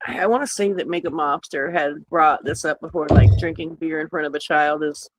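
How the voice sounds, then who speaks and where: A woman's voice: sits low, steady tone, brisk, a little hiss or hum, rough recording. A woman co-hosting a casual talk stream, blunt and emphatic, swearing freely as she reacts to clips. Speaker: co-host. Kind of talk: casual profane commentary on clips.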